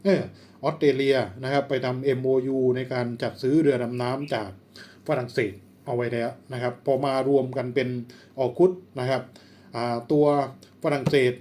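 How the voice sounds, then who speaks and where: A Thai man gives a spoken lesson for civil service exam candidates. His voice is mellow and mid-pitched. He talks unhurriedly, often pausing to hunt for a word, and spells acronyms out letter by letter. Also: slight background noise. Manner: unhurried, searching for words, frequent polite particles. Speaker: exam tutor.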